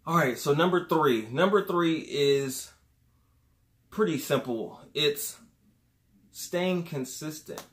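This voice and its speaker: A man's voice: fairly high pitch, takes it slowly, pauses often, a bit bright. A young man casually giving advice on his vlog, repeating his key points for emphasis. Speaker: sneaker YouTuber.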